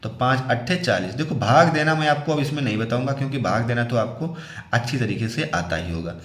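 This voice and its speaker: A man's voice: mid-range voice, fairly quick, reverberant. A man patiently explaining a maths problem step by step, asking and answering his own questions as he goes. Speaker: maths teacher.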